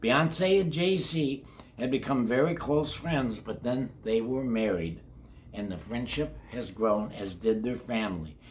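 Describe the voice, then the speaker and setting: With slight background noise behind him, an older man with a medium-pitched voice reads a children's book at a measured pace. This read-along host has a folksy manner, repeats words, and chats directly with his young audience in asides.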